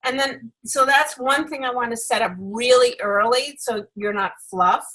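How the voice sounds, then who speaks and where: A woman's voice: fairly high pitch, steady tone, normal speed, fairly bright tone, poor audio. A woman working as a public speaking coach, giving effusive, emphatic, encouraging feedback to a group on a video call.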